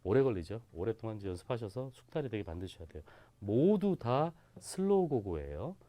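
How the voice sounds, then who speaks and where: A man's voice: lowish voice, very animated, a little fast, mellow. A man teaching a guitar lesson, patiently explaining rhythms and counting strokes aloud in a sing-song way. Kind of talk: instructional lesson.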